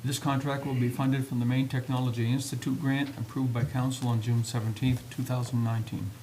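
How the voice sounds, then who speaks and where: A man's voice: medium pitch, a little fast, slight background noise, poor audio. Man reading a council motion. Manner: steady, formal reading. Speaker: council member.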